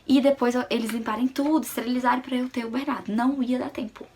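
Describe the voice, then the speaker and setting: A young woman from Brazil, a vlogger, telling a personal story in a casual, animated way and acting out the voices of others. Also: on the high side, fast talker, a little hiss or hum. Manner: animated, acts out quoted voices.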